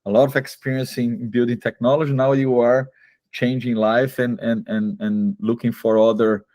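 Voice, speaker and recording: A man's voice: mid-range voice, flat delivery, moderate pace, dark tone, dry recording. A man hosting an interview, asking friendly questions with phrasing. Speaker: host.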